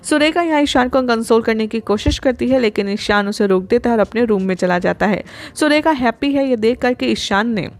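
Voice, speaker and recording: A woman narrating a scripted recap of a TV serial in a brisk, even storytelling manner, mixing in English words. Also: fairly high pitch.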